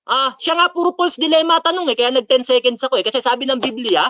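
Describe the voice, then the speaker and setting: A man's voice: very high-pitched, quick pace, sharp tone, no room sound. A man giving a heated rant after a religious debate, mocking his opponent and quoting scripture between jabs. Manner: taunting, mocking, quotes Bible verses, laughs at opponent. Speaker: preacher speaking after a debate.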